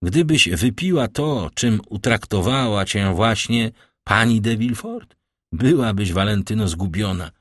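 A man's voice: fairly low pitch, lively intonation, a little slow, no echo, clean studio sound. A man reading aloud as a grave, fatherly nobleman, speaking in a solemn, reassuring way.

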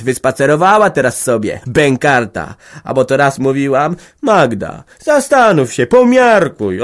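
A man voicing a middle-aged organist's wife who scolds and shouts shrilly. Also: on the low side, natural voice.

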